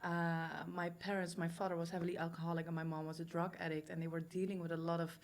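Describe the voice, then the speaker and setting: A woman from the Netherlands speaks English with a Dutch accent, pitched a little low. She tells a hard personal story directly and frankly, with plenty of fillers and restarts. She is a guest on an interview podcast. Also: level tone, quick pace. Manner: direct, laughs easily, many fillers and restarts.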